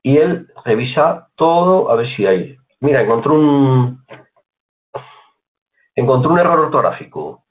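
A man's voice: medium pitch, expressive, measured pace, long pauses. A man teaching a beginners' computer course in a screen-recorded tutorial. He talks in a chatty way, repeats his points and keeps checking with "¿vale?". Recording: tinny phone-like audio.

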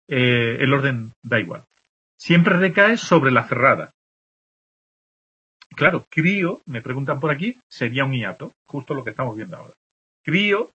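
A male teacher from explains the rules for written marks, saying example words slowly and checking in with the class again and again. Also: mid-range voice, sharp tone, slightly rough. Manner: explains patiently, checks in with constant "¿de acuerdo?". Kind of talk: spelling lesson explaining accent marks. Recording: dull lo-fi recording.

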